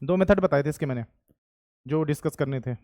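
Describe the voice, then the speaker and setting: Indian guy teaching history in class, high-ish voice, dry sound, jokey, keeps quizzing the students. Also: a little fast, a little mellow, no room sound. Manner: jokey, mixes Hindi and English, asks the class questions. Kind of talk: classroom lecture.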